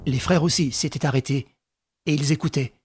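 A man narrating an audiobook in a measured, even storytelling manner. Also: a little high, husky, no echo. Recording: dry close recording with faint music.

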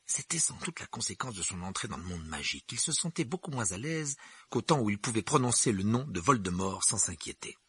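A man calmly narrating a novel in a steady reading voice. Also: brisk, slightly rough, dry recording. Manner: calm, lowered narrating voice. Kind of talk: audiobook reading.

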